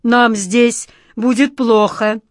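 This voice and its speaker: Brief: a woman playing a huge cowardly genie in a storybook, trembling and begging, drawn-out whines, dry booth sound. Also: fairly high pitch, steady tone, no echo. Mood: pleading, fearful. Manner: trembling, pleading, slow drawn-out wails. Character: frightened whiny male genie, huge and hairy. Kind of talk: audiobook reading.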